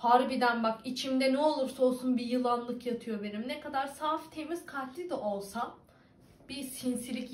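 A young woman with a bright, high voice and an Aegean Turkish lilt, chatting playfully and laughing as she answers her viewers. She talks into a computer webcam, and her voice rings in an echoey room at home. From İzmir, Turkey. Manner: playful, teasing, laughs often. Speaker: vlogger. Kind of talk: casual chat reading viewer comments.

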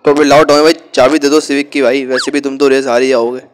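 A man's voice: mid-range voice, little pitch movement, fast, slight background noise, natural voice. A man voicing a cocky, mocking male rival in an amateur game dub. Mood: taunting. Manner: boastful, mocking.

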